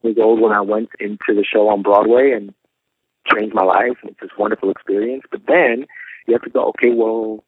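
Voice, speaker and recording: This New York man in his thirties, who grew up in Philadelphia, speaks on the low side with a fairly even intonation while answering interview questions as a guest actor. His unhurried storytelling has small restarts, heard through narrow, tinny audio with no echo.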